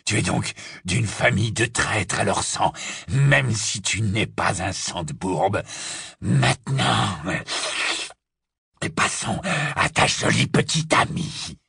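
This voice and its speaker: A man voicing a savage, gloating male werewolf with a rasping, gravelly voice, speaking slowly with a relishing growl. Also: lowish voice, expressive, a bit bright, no room sound, clean studio sound, full character voice.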